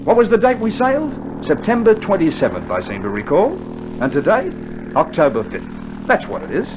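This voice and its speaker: On a noisy old vinyl recording of a scripted mid-century radio drama, an actor plays a cheeky, skeptical young Australian infantryman. His high voice swings widely in pitch, a little fast, delivering dry, sarcastic, teasing and sardonic banter.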